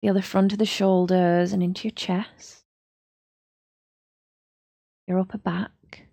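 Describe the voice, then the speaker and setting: A woman, a yoga teacher leading a slow, soothing guided body-scan relaxation. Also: medium pitch, level tone, vocal fry, warm tone, husky, no echo.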